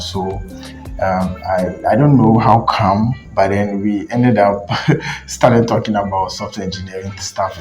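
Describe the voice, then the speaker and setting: A young man from Ghana and Nigeria hosting his tech channel, telling his story casually with many fillers and restarts. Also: sits low. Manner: relaxed, rambling, frequent fillers and restarts.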